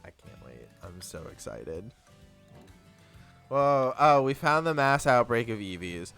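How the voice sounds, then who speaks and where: A man's voice: mid-range voice, big pitch swings, measured pace, vocal fry, fairly bright tone, clean tone, faint music behind. A young man streaming a game, chatting casually and rambling through a story while swearing freely. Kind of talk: casual chat while gaming.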